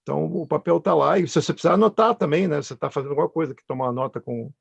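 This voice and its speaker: Creaky man, halting explainer. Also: fairly high pitch, dry recording. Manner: halting, searching for words. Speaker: panel guest, artist. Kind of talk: thoughtful explanatory answers. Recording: dull, close, dry sound.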